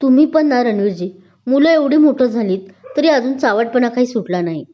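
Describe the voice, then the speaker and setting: A woman's voice: a little high, lively intonation, fairly quick, lightly acted. A woman voicing a spirited, sassy middle-aged wife who teases her husband in a spoken story. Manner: sassy, teasing. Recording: dull lo-fi recording.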